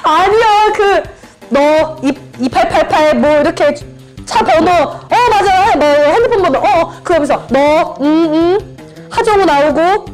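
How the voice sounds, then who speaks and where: High-voiced woman giving game clues. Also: measured pace, over music. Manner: animated, repeats words over and over. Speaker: channel host. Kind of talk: describing clues in a party guessing game.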